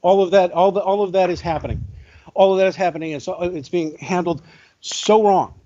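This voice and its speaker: A man arguing as a guest on a call, halting and correcting himself, his voice cracking when riled. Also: high voice, dark tone, muffled recording. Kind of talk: heated debate on a call.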